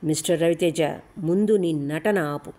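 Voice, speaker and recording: A woman's voice: deep voice, unhurried, warm tone. A woman voicing a menacing male gold smuggler who taunts and orders people around. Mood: taunting. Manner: taunting, commanding.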